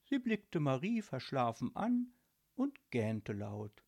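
A woman narrating a spooky children's storybook in a dramatic, expressive reading. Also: extremely low pitch, takes it slowly, vocal fry, husky.

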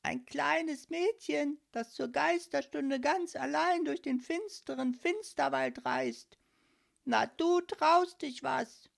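A woman voicing a sleepy woman in a nightcap who croaks in a high voice. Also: big pitch swings, slow, heavily acted. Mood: mocking.

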